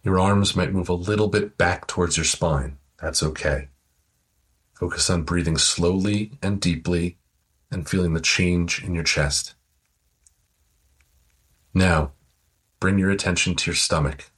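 A man slowly guiding a listener through a progressive muscle relaxation exercise with soothing, calm instructions. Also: low voice, breathy edge. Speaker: relaxation guide.

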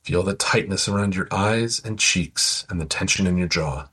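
A man slowly guiding a listener through a progressive muscle relaxation exercise with soothing, calm instructions. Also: low voice, slightly rough. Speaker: relaxation guide.

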